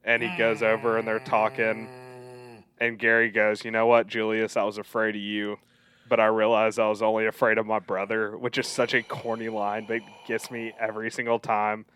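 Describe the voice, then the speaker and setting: A man's voice: lowish voice, monotone, moderate pace, a bit bright, clear, resonant tone. A young man co-hosting a casual podcast, eagerly retelling and quoting favorite movie scenes. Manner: enthusiastic retelling of film scenes, quoting lines. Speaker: podcast co-host.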